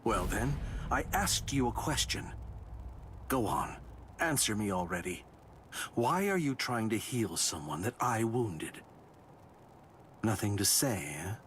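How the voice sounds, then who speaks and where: An actor playing a cold, detached male warrior spirit in a game cutscene, condescending and flat in manner. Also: on the low side, takes it slowly, long pauses, a little hiss or hum, exaggerated voice.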